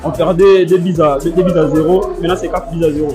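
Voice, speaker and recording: A man with a fairly high voice answering questions and talking about his team with sure, animated confidence. Loud music fills the space behind him. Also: fast. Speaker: fan interviewed. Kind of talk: casual interview answers.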